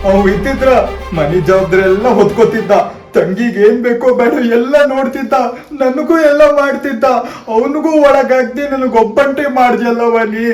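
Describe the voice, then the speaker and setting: A man's voice: very high voice, moderate pace, hardly any pauses, a little mellow. An actor with a North Karnataka accent playing a young man who is raising his little sister alone, speaking in pleading, choked-up laments. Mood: grieving. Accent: North Karnataka Kannada. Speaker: actor in a short film. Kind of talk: dramatic short film acting. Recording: echoey room, off-mic, music behind.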